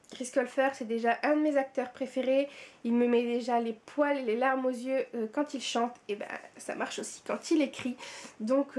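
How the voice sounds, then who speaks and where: A woman's voice: high-pitched, a little mellow. A woman with a French accent chatting casually about her month's reading for her book vlog, repeating words for emphasis with many fillers. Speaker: book vlogger.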